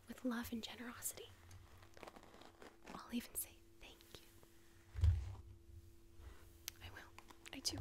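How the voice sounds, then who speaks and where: A woman in her twenties playing a vain, condescending valley girl in a whispered role-play, with a drawl full of "like". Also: high-pitched. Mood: smug, self-satisfied. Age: 20s. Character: bitchy, vain valley girl getting a friend party-ready. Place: small quiet room indoors, on a couch.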